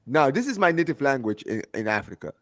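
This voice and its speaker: Hosting a fan call-in show, a man with a strong Gambian English accent speaks fast in a medium-pitched voice. He's animated and casual, repeating phrases and often asking, "you understand what I'm saying?"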